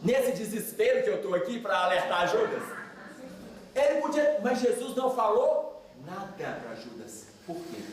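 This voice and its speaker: Man, religious lecturer, animated, questions the audience, lively pitch, echoey hall, distant mic. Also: a little slow, a little hiss or hum. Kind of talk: religious study talk.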